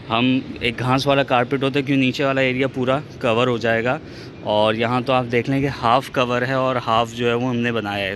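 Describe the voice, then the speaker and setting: A middle-aged man walking a camera around his rooftop and describing the planned renovation in a relaxed, enthusiastic way, pausing often to think. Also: medium pitch, a little hiss or hum. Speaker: vlogger showing a rooftop renovation. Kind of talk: casual walkthrough narration. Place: rooftop of a house, outdoors.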